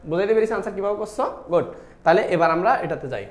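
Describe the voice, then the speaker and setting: Male online tutor, quick and high-pitched, in an echoey room, keeps quizzing the class. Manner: talks to students directly, repeats "dekho" often; asks questions and answers them himself. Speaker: online Bangla admission-test teacher. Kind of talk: live online class, explaining spelling questions.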